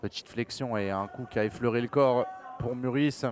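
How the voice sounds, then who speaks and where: A man's voice: medium pitch, moderate pace, a little mellow, slight background noise. A man giving live MMA commentary as lead commentator, keen and emphatic in his play-by-play.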